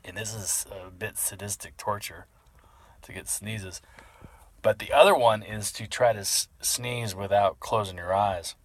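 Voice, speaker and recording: Casual male vlogger, low-pitched and unhurried, rambles off the cuff with sneezes between remarks. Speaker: video creator. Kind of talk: casual rambling vlog talk.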